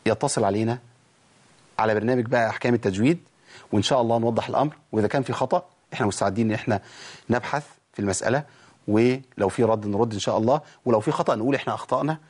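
A man's voice: mid-range voice, rapid-fire. Give me an Egyptian man teaching Quran recitation rules who talks right to the viewers and stretches out sounds to show them. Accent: Egyptian Arabic. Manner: lively explaining, addresses the audience directly. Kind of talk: tajweed lesson on a TV show.

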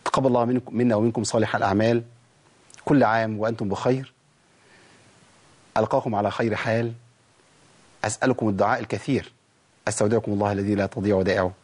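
A man with an Egyptian accent teaching tajweed on a TV show, lively, talking straight to the viewers and drawing out sounds slowly to demonstrate them. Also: fairly low pitch. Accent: Egyptian Arabic. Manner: lively explaining, addresses the audience directly. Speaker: Quran recitation teacher.

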